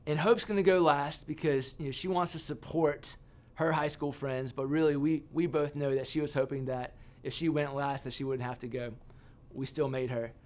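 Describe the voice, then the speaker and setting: Animated man preaching a story sermon. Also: fairly high pitch, moderate pace, few pauses. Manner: animated storyteller, self-mocking humor. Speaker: youth pastor.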